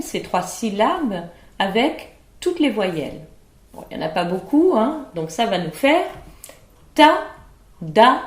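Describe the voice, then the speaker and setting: A woman teaching an online acting lesson in a calm, instructive way, with over-articulated diction drills. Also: medium pitch, reverberant. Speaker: drama teacher.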